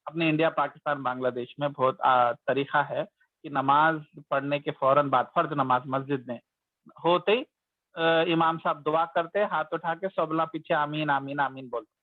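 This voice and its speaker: A man's voice: a little high, steady tone, normal speed, dry recording. A man teaching religion in a conversational, storytelling way, sometimes acting out the complaints of the people he describes. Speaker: Islamic teacher. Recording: dry, tinny phone-like sound.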